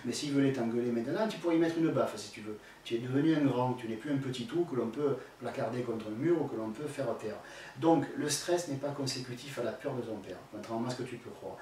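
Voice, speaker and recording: A man's voice: medium pitch, fast, warm tone. A man giving spoken advice to a viewer, blunt and colloquial with crude slang and many fillers, addressing the questioner directly. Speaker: spiritual teacher answering a viewer's question. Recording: very echoey room, voice far from the mic, faint background noise.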